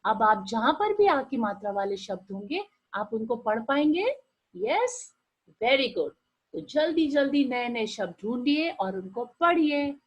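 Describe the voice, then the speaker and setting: A woman teaching small children in a sing-song voice that rises and falls widely. She sounds a little husky and slightly high, and she speaks very slowly so each sound comes through clearly. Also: very animated, highs cut off. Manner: slow, sing-song and encouraging, drawing out sounds and asking the children questions. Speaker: primary school teacher. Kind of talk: online Hindi lesson for young children.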